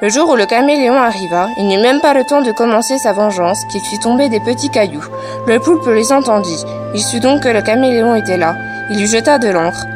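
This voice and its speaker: A girl reading a school storybook aloud as narrator, in a steady read-aloud style. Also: on the high side, brisk, over music.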